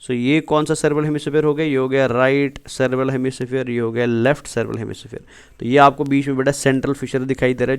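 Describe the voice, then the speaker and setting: A man's voice: mid-range voice, smooth. A man teaching biology for an exam, asking questions and answering them himself as he mixes English terms into his talk. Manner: keeps asking and answering his own questions, calls students "beta". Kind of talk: exam-prep lecture over slides.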